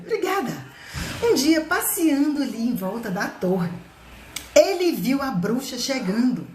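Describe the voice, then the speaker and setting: A woman telling a fairy tale live to her viewers, animated and chatty, often laughing. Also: high voice, a little hiss or hum. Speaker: storyteller. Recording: roomy echo.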